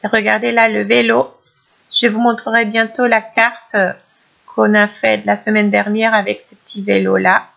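A woman's voice: mid-range voice, little pitch movement, moderate pace, gravelly, fairly bright tone, highs cut off. A woman hosting a craft tutorial at home, talking casually with many restarts and fillers.

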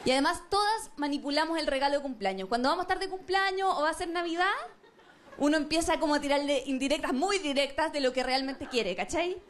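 High-voiced Chilean woman doing stand-up. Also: quick pace, slight background noise. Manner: animated storytelling, acting out both sides of a couple. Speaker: stand-up comedian. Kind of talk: stand-up comedy monologue. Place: comedy stage with a live audience.

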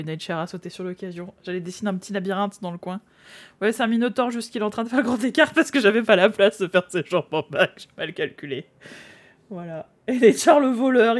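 A young woman streamer chatting casually to her viewers while drawing, laughing often and muttering to herself. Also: medium pitch.

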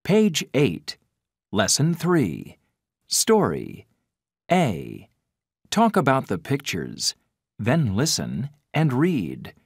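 A woman announcing pages and tasks slowly and clearly, as the narrator of a language course recording. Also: rumbling low, wildly swooping pitch, dry recording, clean studio sound. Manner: slow, clear announcing of page numbers and tasks. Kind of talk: scripted textbook instructions.

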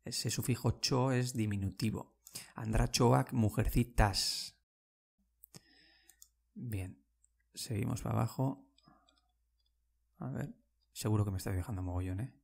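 A fairly low, creaky voice with a darkish tone belongs to a man running a casual Basque lesson. He takes words slowly and patiently, repeating them and checking in with his audience through "¿vale?"

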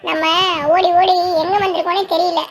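A storyteller voicing cartoon village friends in a very high sped-up voice, trading lively banter. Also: normal speed, a little hiss or hum.

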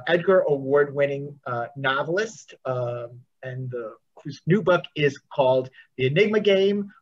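Halting host over dull lo-fi audio. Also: mid-range voice. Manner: halting, many fillers. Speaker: bookstore event host. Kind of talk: event introduction.

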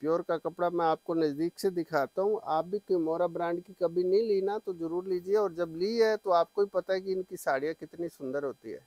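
A middle-aged man giving an eager teleshopping-style sales pitch, full of repeated assurances, as he presents products on a lapel mic. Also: fairly quick, hardly any pauses, darkish tone, no room sound, low-quality recording. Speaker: saree shop seller and presenter. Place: small saree shop, indoors. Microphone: clip-on lapel mic.

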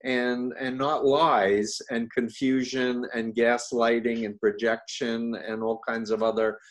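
A man's voice: medium pitch, flat delivery, takes it slowly. Male interview host, mid-range voice, earnest, stumbles over repeated words. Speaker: host and cult expert. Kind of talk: conversational interview.

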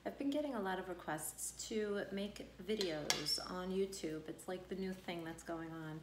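A real estate broker in her 40s, born in Argentina and raised on Long Island, New York, introduces herself to the camera from her home living room. She chats about her working life in a rambling, filler-heavy way, her low voice at normal speed in an echoey room with background noise.

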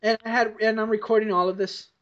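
A woman's voice: a little high, little pitch movement, fast talker. A young adult woman hosting a casual podcast over a voice call, telling a rambling, profane story with lots of laughter. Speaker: podcast host. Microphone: voice call headset or computer mic. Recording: dull lo-fi voice call.

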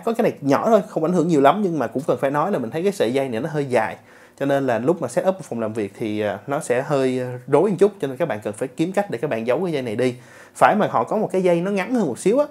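Brief: male tech vlogger, quick and chatty, mid-pitched. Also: darkish tone. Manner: chatty, addresses viewers directly with filler particles. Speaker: tech reviewer. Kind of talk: casual product review.

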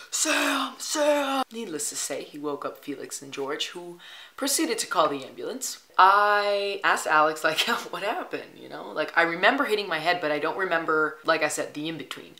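A woman's voice: low-pitched, sharp tone, reverberant. A woman in her twenties chatting through a casual travel vlog, upbeat and full of "like" fillers. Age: 20s. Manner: chatty and upbeat, heavy use of "like". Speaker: travel vlogger.

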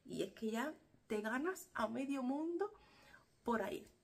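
A Cuban vlogger in her thirties with a Cuban Spanish accent sits in an armchair in a small indoor room, casually and animatedly explaining things to camera and laughing easily. Her fairly high voice is creaky and husky, at a measured pace but animated, recorded by a camera in front at medium-close range.

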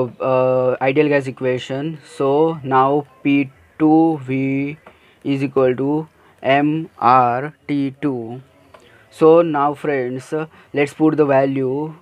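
A man's voice: mid-range voice, steady tone, slow pace, dull audio. A man explaining an engineering problem over handwritten notes, hesitant, with fillers and self-corrections. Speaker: engineering tutor. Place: at a desk, filming a notebook.

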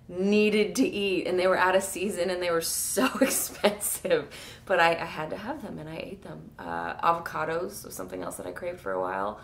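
Hoarse lady vlogging, lowish voice, talks loose and jokey, laughs a lot. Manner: chatty and self-mocking, laughs often. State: hoarse, losing her voice. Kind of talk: casual pregnancy vlog.

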